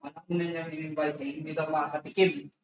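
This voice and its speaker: Preacher in an echoey church hall, off-mic. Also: male voice, on the high side, little pitch movement, fast talker, far from the mic, lo-fi sound, slight background noise. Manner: conversational, mixes Tagalog and English, frequent restarts and tag questions. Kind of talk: sermon.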